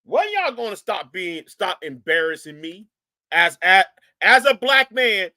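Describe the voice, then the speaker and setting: This live stream host, a man with a high-pitched, unhurried voice, reacts to a video by scolding his chat. His commentary is animated, mocking, and keeps repeating itself.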